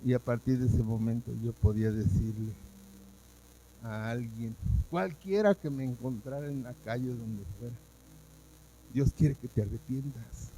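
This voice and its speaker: A man's voice: mid-range voice, moderate pace, mellow, a little hiss or hum, poor audio. A man, a pastor giving a sermon at a church service, telling his own testimony with feeling and acting out what he once said. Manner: emotional storytelling, acting out his own past words.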